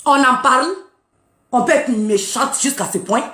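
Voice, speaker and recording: A woman's voice: high-pitched, moderate pace, pushed and bright. A woman ranting on a live stream, mocking and taunting with frequent laughter and boasting. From Burkina Faso. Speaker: live social media streamer. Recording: roomy echo.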